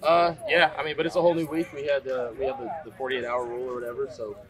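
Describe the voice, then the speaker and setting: A young man gives earnest interview answers as a college football quarterback. His speech is fast, and there is clear chatter behind him outdoors. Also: mid-range voice, level tone. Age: young adult. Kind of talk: post-practice media interview answers.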